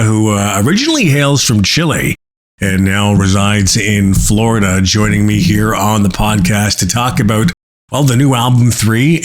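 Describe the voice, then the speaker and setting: A man hosting a rock radio podcast, introducing his guest and asking questions in upbeat, chummy patter. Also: on the low side. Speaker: podcast host.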